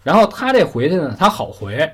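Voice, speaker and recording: A man's voice: a little high, huge pitch swings, fairly quick, breathy edge. A man telling a story in a chatty, conversational way, often asking the listener questions. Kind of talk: casual spoken storytelling.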